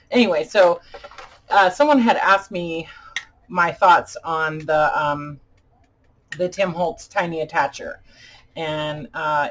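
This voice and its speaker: A woman chatting casually as a craft video host, halting and deliberate, her speech slightly impeded by dentures as if her mouth were full of peanut butter. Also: low-pitched, slight background noise. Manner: halting, deliberate, pausing often. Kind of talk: casual chat tutorial.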